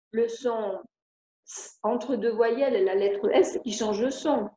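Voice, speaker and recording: An older woman, a speech therapist, explaining spelling exercises in a video conference, slowly spelling out syllables and letters. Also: on the high side, a little mellow. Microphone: video call. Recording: echoey, dull video call audio.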